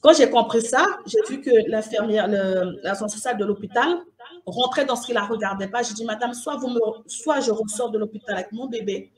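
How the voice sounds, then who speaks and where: A woman giving a personal testimony as a mother, recounting events emotionally, with restarts and quoted dialogue. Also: fairly high pitch.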